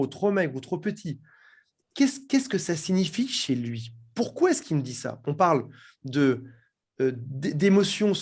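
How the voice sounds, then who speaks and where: A man speaking as an interview guest, explaining in a lively way and often repeating words as he thinks. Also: a little high.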